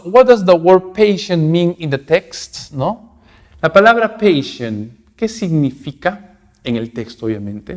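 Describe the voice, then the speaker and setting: A man's voice: medium pitch, a little mellow, long reverb tail. A man teaching an English class in Spanish, reading English sentences aloud and checking in with his students constantly. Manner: explains in Spanish, reads English aloud, keeps asking "¿no?". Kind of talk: recorded class lesson.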